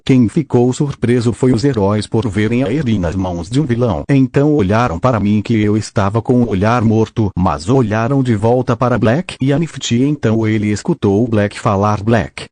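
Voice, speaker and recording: A man's voice: lowish voice, warm tone, dry recording. A man with a Brazilian accent narrating a fan-fiction battle story in the first person.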